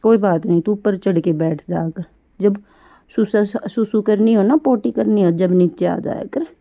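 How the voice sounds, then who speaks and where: A middle-aged woman talking baby talk to her pet rabbit, coaxing and doting in a sing-song way with soft laughs. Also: medium pitch, unhurried. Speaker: pet vlogger caring for rescued animals.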